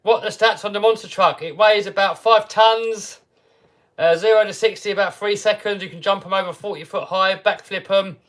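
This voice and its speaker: A man's voice: high voice, steady tone, normal speed, fairly bright tone. A man hosting a casual livestream, chatting easily, laughing often and reading out viewers' questions. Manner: chatty and easygoing, laughs often, reads chat questions aloud. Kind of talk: casual live chat.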